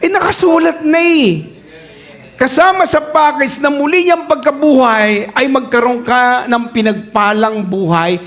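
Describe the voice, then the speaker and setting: A middle-aged man preaching a lively sermon, slipping into English phrases and laughing as he speaks. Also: very high voice, unhurried. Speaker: pastor.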